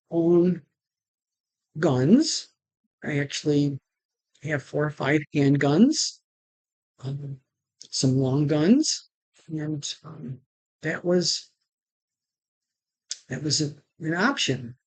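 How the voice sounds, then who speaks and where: Slow, halting woman telling her story. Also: low voice, darkish tone, no echo. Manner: halting, with pauses and restarts; retells conversations with "she goes" and "I'm like". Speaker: vlogger. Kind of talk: personal storytelling to camera.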